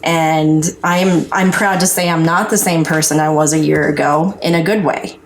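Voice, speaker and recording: A woman's voice: low voice, steady tone, moderate pace, a little hiss or hum. A woman with a North Dakota accent talking frankly and earnestly in a casual chat, sharing personal testimony as a guest, with some salty language. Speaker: podcast guest sharing recovery story.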